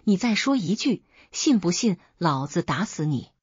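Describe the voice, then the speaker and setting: A woman voicing a spoiled, hot-tempered young man who shouts threats, on a dull lo-fi recording. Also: lowish voice, very animated, a little slow, slightly rough, no room sound, full character voice. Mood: angry. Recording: dull lo-fi audio.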